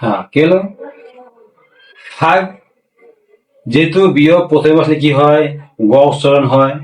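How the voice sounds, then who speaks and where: A man teaching a language class, asking rhetorical questions and slowly repeating words for learners. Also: a little high. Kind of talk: classroom-style language lesson. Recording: echoey room, voice a bit far from mic.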